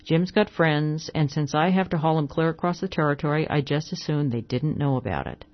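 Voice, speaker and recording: A reader voicing a calm young male deputy marshal in a western story reading, speaking softly and evenly without emotion. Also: mid-range voice, brisk, dull audio, lightly acted. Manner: soft, even, without emotion.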